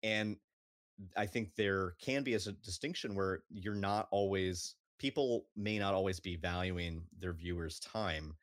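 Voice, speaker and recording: A man's voice: sits low, a little slow, dry recording, clean studio sound. A man in natural unscripted talk, a streamer on a panel thoughtfully explaining his view with examples.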